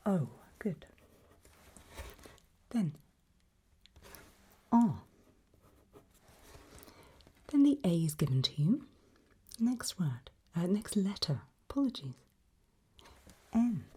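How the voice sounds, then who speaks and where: The speaker is a female ASMR performer cast as a calm, reassuring doctor putting someone through a creepy memory test. Using a breathy whisper and very soft low speech, she takes her time and sounds gentle, encouraging and patient.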